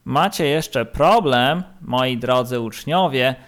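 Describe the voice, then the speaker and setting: A man teaching English grammar in Polish, with a Polish accent, slowly repeating words for his students to drill. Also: medium pitch, lively intonation. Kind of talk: grammar lesson.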